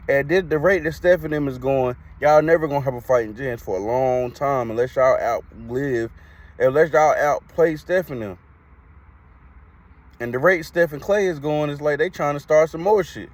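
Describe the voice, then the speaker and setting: A man's voice: mid-range voice, moderate pace. A man from North Carolina, hosting a podcast and giving blunt, slangy basketball takes, often repeating himself for emphasis. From Greensboro, North Carolina. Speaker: podcast host. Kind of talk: casual sports talk.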